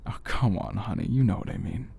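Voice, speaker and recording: Deep and dark with crackly vocal fry, a man's voice performs a self-assured, flirty big brother for intimate ASMR. He's teasing and familiar, like he's right beside you, using an animated, full character voice. He comes across as flirtatious and reassuring.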